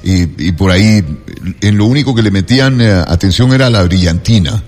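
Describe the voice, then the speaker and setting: A man hosting a casual conversation, relaxed, often chiming in briefly. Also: fairly low pitch, moderate pace, in a large hall. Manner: relaxed, lots of short backchannels. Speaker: host.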